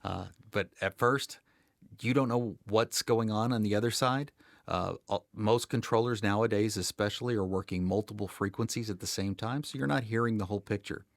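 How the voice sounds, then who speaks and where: Appearing on a podcast as an expert guest, this American air traffic controller talks plainly and emphatically, with a dry sense of humor. His pitch is fairly low, his pace moderate, and the recording has no echo.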